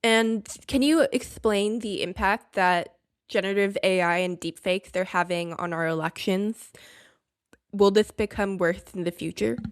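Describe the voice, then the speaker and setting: A woman hosting a podcast asks her guest short, direct questions. Her voice sits at a middle pitch, and the recording is dry. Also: measured pace, clear, resonant tone, no room sound. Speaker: podcast host. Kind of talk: interview questions.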